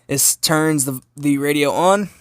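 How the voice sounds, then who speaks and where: A hobbyist with a slightly high, somewhat bright voice speaks a little slowly as he demonstrates a gadget in a casual, unscripted product review. He explains things and poses questions only to answer them himself. The clip is captured on a phone camera he holds during the demo.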